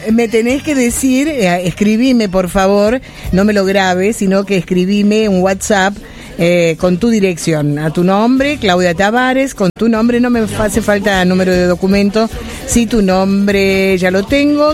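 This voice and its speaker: An Argentine woman hosts a late-night radio show with a chatty, reassuring manner. Her voice sits at a medium pitch. Faint music plays behind her. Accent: Argentine Spanish. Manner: chatty, warm-hearted and reassuring with listeners. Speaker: radio host.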